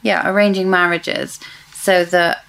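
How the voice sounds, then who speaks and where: A woman's voice: fairly low pitch, flat delivery, measured pace, creaky, a bit bright, low-quality recording. A woman co-hosting a casual book discussion, chatty and speculative, often correcting herself mid-sentence. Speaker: podcast co-host.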